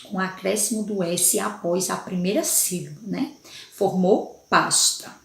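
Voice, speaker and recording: A woman's voice: mid-range voice, steady tone, normal speed, creaky. A woman teacher giving a lesson to young children in Brazilian Portuguese, spelling out letters and syllables patiently and often checking in with the class. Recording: echoey room.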